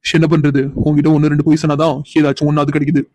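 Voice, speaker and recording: A man's voice: a little high, completely flat delivery, very fast, darkish tone, no echo, lightly acted. A man voicing a teasing cartoon husband.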